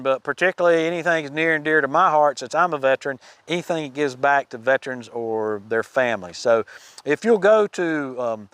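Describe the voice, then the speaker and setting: A man's voice: on the high side, fairly bright tone, clear, resonant tone, dry recording. A man hosting a podcast, giving a chatty, folksy update on hikers with casual fillers and restarts. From United States. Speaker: podcast host.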